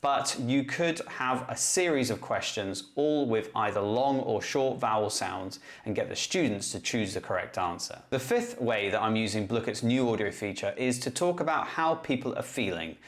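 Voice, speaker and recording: A man who teaches English, talking through a step-by-step tutorial in a clear, methodical way. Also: fairly low pitch, animated, moderate pace, hardly any pauses. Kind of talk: classroom-tech tutorial explanation.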